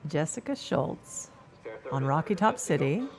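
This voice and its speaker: A woman's voice: low voice, expressive, unhurried, crowd noise. A woman with a Kentucky accent doing casual live commentary at a show jumping event, joking and reading out horse details. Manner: chatty, jokey, reads out horse details.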